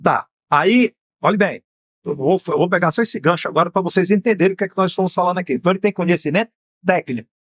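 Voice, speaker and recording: In a TV studio, a Bahian-accented Brazilian host and mentor teaches about finance, leaning on rhetorical questions. His voice is high-pitched, and the sound has no echo.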